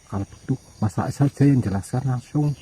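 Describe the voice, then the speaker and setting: A man acting as a spirit medium, hesitantly relaying messages in a low murmur. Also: brisk, warm tone, slightly rough, low-quality recording. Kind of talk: casual on-camera chat.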